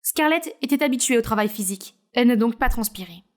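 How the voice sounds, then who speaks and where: A woman narrating a scripted story in a smooth, steady way. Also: fairly high pitch, fast talker, slight background noise.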